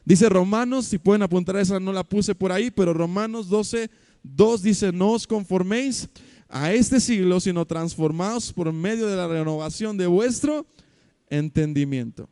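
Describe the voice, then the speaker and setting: A man with a Mexican accent preaches to his church in a high, mellow voice. He tells stories and acts out the people in them. The sound is dry and close, with no room echo. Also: moderate pace, smooth. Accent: Mexican Spanish. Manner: animated storytelling with acted quotes, swinging loud to soft. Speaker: pastor. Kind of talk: sermon. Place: church hall.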